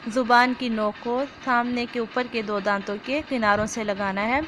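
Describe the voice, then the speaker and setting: A woman with an Urdu accent teaching an online lesson, reciting phrases slowly and then explaining pronunciation step by step. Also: fairly high pitch, steady tone, a bit bright, slight background noise. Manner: slow drawn-out recitation, then brisk explanation.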